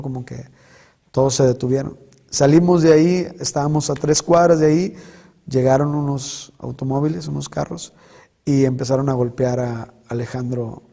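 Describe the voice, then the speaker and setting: A man tells his personal testimony in an earnest, reflective way. His voice is dark and mellow, and his delivery stays even, with little rise and fall. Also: medium pitch. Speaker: testimony speaker.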